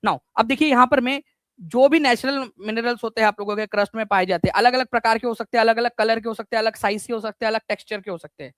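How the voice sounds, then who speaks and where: A man leads a live online exam-prep class, full of energy and repetition, quizzing his students and slipping in English words. His voice is extremely high, and the recording is dry.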